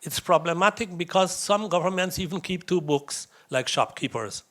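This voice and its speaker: A man's voice: sits high, moderate pace, a bit bright. A man from India, giving a conversational lecture to young visitors, anecdotal with chuckles and asides.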